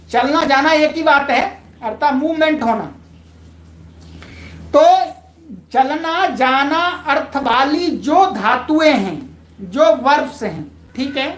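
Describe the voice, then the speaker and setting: Female Sanskrit teacher, high voice, patient and repetitive, echoey room. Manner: patient, repeats key points, addresses viewers politely. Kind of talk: online grammar lesson.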